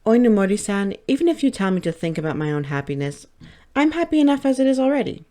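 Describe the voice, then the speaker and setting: A woman reading a first-person light novel audiobook in a steady, measured way. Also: medium pitch. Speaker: audiobook narrator.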